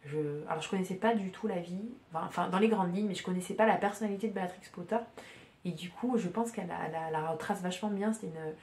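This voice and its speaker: A woman hosting a podcast from home, chatting casually and haltingly, with many fillers and restarts. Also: on the low side, reverberant. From France. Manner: hesitant, many fillers and restarts, soft-spoken. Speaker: podcast host. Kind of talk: casual chat.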